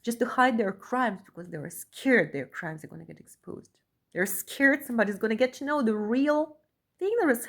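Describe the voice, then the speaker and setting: Earnest woman with a fairly high voice. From Russia. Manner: earnest, ends phrases with a questioning "yeah?"; repeats and restarts phrases. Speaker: vlogger, asylum seeker. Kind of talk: reading a document aloud with commentary.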